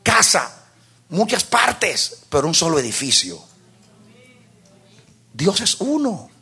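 A male pastor preaches with passion in a high, gravelly voice. His tone is husky, and he climbs to shouted peaks to drive his points home. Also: sing-song, slow pace. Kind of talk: sermon.

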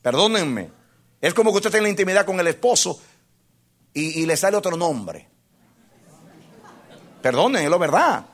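High-voiced impassioned male preacher. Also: sing-song, moderate pace, long pauses. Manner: impassioned, swings from hushed to loud, repeats phrases for emphasis; addresses the congregation directly with questions. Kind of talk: sermon.

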